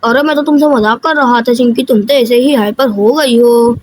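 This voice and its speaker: A woman's voice: a little high, fairly even intonation, normal speed, dry recording, natural voice. A woman voicing a mischievous little boy in a cartoon, pleading and making excuses. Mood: cheeky. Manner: pleading, defensive. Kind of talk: cartoon voice-over.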